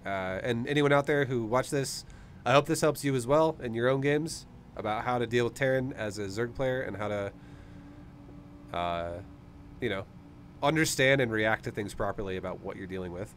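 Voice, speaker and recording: In this casual coaching session, a gaming coach and streamer in his thirties encourages a gamer, speaking close to the microphone. His mid-range voice keeps a moderate pace, with faint background noise behind him.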